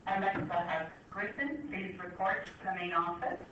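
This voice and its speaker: A woman making a formal announcement over a school PA loudspeaker, in an even, measured tone. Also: fairly low pitch, a little hiss or hum. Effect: heard over a school PA loudspeaker. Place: school classroom, heard through the PA. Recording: echoey, distant, muffled PA speaker.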